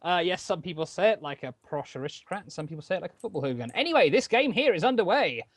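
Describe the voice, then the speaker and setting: A man casting a live online game, often hesitating and restarting, getting excited at the action. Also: high voice, rapid-fire, no room sound, clean studio sound. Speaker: esports caster.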